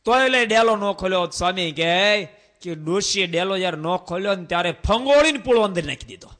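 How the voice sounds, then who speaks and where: A man preaching a sermon as a monk, telling folk stories in an animated, exclaiming way and putting rhetorical questions to his listeners. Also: sits high, a little fast.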